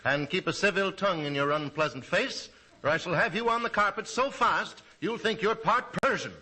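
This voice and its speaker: An actor playing a pompous, pedantic theater manager in a 1940s radio comedy, speaking grandly and correcting grammar. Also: male voice, high-pitched, moderate pace, bright, forceful tone, breathy edge, heavily acted, rough recording. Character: pompous middle-aged male theater manager.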